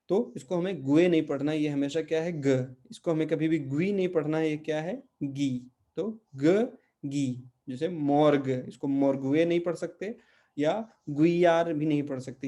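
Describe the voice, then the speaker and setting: Mellow-voiced man teaching Portuguese pronunciation. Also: fairly high pitch. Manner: patient, repeats and checks with "है ना?". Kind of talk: online language lesson in Hindi.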